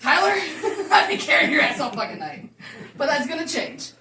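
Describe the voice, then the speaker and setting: A woman's voice: sits high, big pitch swings, moderate pace, roomy sound, recorded from a distance, noisy background. A woman giving a profane, teasing roast, laughing through her jokes. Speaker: roast speaker. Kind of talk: casual roast toast.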